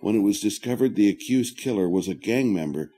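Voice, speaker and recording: A man reading scripted documentary narration in a measured, even delivery. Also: on the low side.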